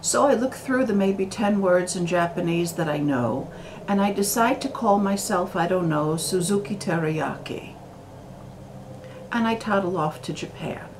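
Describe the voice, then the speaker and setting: An American woman talking to camera in a slow, deliberate monologue, full of pauses and fillers. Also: fairly low pitch, animated, background noise. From United States. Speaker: video commentator.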